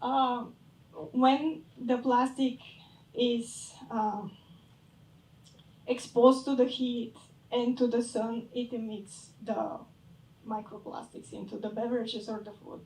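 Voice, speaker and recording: A young woman from Bulgaria pitching her startup and answering judges' questions, hesitant and searching for words. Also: level tone, slow, pauses often, a little mellow. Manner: hesitant, searching for words, fades at phrase ends. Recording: echoey hall from far off.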